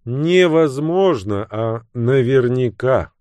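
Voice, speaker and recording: A man reading the part of a cool, sharp-tongued young woman in an audiobook, raising his voice for her cutting, mocking lines. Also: medium pitch, animated, takes it slowly, clear, resonant tone, no echo, voice pushed up.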